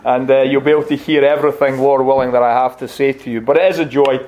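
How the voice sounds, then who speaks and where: A middle-aged Scottish man, a visiting pastor, giving a warm, conversational, gently humorous sermon in a church and reading scripture aloud. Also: mid-range voice, fairly even intonation, fast talker. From Scotland. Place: church sanctuary.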